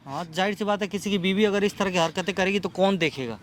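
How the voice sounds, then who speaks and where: A man playing a calm mediator who asks probing questions and gives advice. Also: high voice, quick pace, slight background noise.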